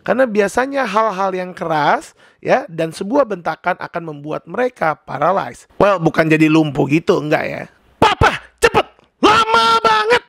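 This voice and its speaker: Man, high voice, gravelly, dry close sound, chatty teaching vlog. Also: moderate pace, no echo. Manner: chatty, animated. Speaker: personality teacher. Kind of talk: casual explanatory vlog.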